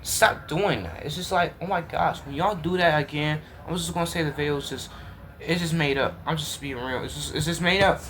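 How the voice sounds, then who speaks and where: A man's voice: fairly high pitch, fairly quick, background noise. Exasperated man reacting to a video. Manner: exasperated, repetitive, talks straight to viewers. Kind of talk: casual reaction commentary.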